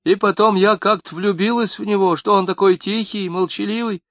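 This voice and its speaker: A plaintive young wife with speech, her voice pushed high and strained with grievance, as a male reader puts her on. The recording is close and dry. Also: steady tone, normal speed, fairly bright tone, no echo. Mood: wistful. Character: young woman, tearful, quick-tempered, southern speech.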